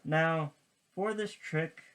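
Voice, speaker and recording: A tutorial presenter walks through card magic in casual magician patter, explaining step by step in halting little pieces at a slow pace. The voice is mid-pitched and a bit bright, with a clean tone.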